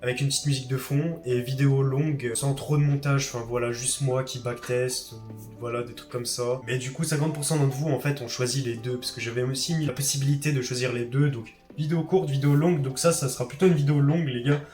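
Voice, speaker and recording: A man's voice: mid-range voice, fairly even intonation, fast talker, hardly any pauses, darkish tone, echoey room, soft background music. A nineteen-year-old man, rambling casually and self-deprecatingly as he backtests trading charts. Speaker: trading vlogger.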